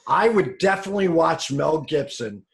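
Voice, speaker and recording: A man's voice: a little high, animated, normal speed, gravelly. A man co-hosting a casual podcast chat about movie trailers, emphatic and swearing freely. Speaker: podcast co-host.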